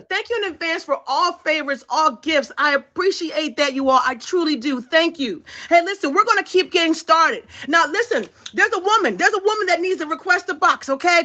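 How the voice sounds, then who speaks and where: Woman livestream host, high bright voice, energetic and repetitive delivery. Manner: hypes the audience, repeats phrases. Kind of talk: casual livestream chat.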